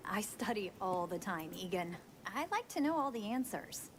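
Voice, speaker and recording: A woman's voice: mid-range voice, big pitch swings, normal speed, a little hiss or hum, natural voice. A woman voicing a studious young know-it-all character in a video game, with an eager, self-satisfied manner. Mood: smug.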